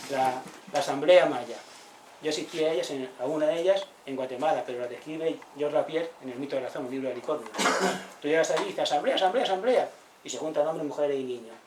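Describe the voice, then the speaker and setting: A man delivers a talk in a social centre hall, his somewhat high voice reaching the mic from across the room. The space adds a roomy echo and a faint hum of ambience. He tells anecdotes and jumps into the voices of the people he quotes. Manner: lively storyteller acting out quoted villagers. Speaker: speaker giving a talk. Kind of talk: public talk, anecdotal lecture. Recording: echoey room, voice from far off.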